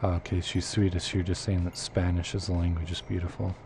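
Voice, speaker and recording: A man's voice: deep voice, level tone, a little fast, background noise. A man live-streaming a game, chatting casually with viewers and rambling as he thinks aloud, with lots of fillers. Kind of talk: casual chat with viewers while playing.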